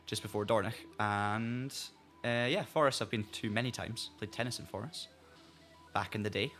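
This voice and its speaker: A man with a soft, fairly neutral Highland Scottish accent, chatting casually as he hosts a sim racing livestream. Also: normal speed, faint music behind. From Scottish Highlands, north of Inverness. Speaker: livestream host and sim racer. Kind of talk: casual livestream chat while gaming.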